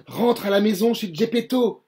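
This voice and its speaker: A man's voice: high voice, moderate pace, a little mellow, pitched above the performer's own voice. A man voicing a tiny cricket who gives advice in a children's story reading, with urgent pleading. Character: tiny fussy male cricket advisor.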